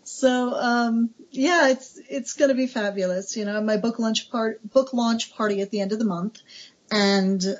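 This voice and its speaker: An American woman in her forties, an author chatting warmly and eagerly in an interview, laughing often, on a dull lo-fi recording. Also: on the high side, steady tone, unhurried. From United States. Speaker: author guest. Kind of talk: casual interview chat.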